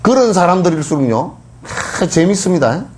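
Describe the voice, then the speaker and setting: Monk, mocking tone. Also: male voice, high voice, a little fast, slight background noise. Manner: colloquial, mocking, lively asides. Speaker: Buddhist monk teaching. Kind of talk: dharma lecture.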